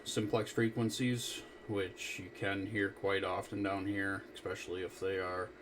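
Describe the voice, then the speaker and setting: A man acting as net control, talking on an amateur radio net over a two-way radio. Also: on the low side. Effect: two-way radio transmission. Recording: noisy radio transmission.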